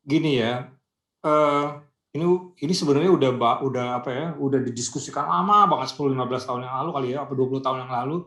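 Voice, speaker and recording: A man's voice: medium pitch, fast, fairly bright tone. Chatty man explaining in a roomy call. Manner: chatty, explains with anecdotes and rhetorical questions. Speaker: radio industry guest speaker. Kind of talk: casual conversational discussion. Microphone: video call.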